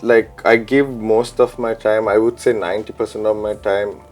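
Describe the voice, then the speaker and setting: A man in his thirties from Sri Lanka, speaking in a low, mellow voice with no edge to it. He answers questions in a relaxed, thoughtful way, pausing often with ums and uhs. Faint music runs under his lapel-mic audio from a studio set. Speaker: chef and DJ, interview guest. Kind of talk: casual interview answers. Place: studio set with pink backdrop.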